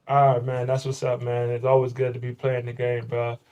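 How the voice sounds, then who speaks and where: A man's voice: mid-range voice, completely flat delivery, brisk, dark tone, muffled recording. A man in his thirties hosting a casual interview, talking in a hyped, slangy, chatty way. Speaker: host, former basketball player.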